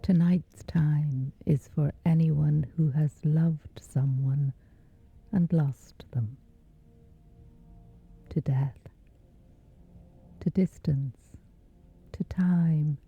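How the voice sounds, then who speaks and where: Guiding listeners toward sleep, this meditation host speaks softly in a whispery, breathy voice that sits low with fairly even intonation. Her slow delivery is gentle and soothing, marked by long, measured pauses. The recording sounds dull and muffled under background music.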